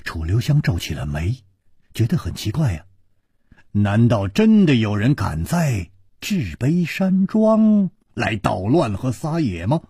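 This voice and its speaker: A male storyteller narrating a traditional long-form story in a slow, highly expressive way, recorded close in a studio. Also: breathy edge, no room sound.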